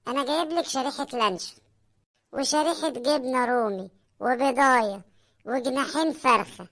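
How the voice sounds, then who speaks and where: A woman's voice: sits high, normal speed, fairly bright tone. A woman voicing a hard-up, hungry husband in a cartoon, with an Egyptian accent and a whining, complaining manner. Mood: grumbling. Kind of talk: cartoon comedy voice acting.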